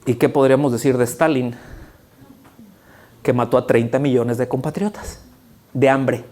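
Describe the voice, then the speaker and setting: A man preaching a sermon in a church, talking to the congregation in an animated, conversational way and often checking that they follow him. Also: medium pitch, normal speed. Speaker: pastor. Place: church sanctuary.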